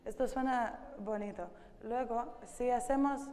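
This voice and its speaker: A woman with a Russian accent, a vocal coach leading a singing masterclass who explains slowly and breaks into sung phrases. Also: on the high side, steady tone, dark tone. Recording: long hall reverb.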